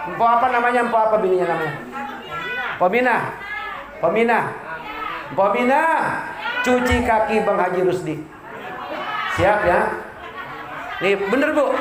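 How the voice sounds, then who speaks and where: Joking preacher in echoey hall. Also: male voice, high-pitched, background noise. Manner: joking, acts out quoted voices. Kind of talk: humorous sermon. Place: community religious gathering. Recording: echoey room with crowd laughter.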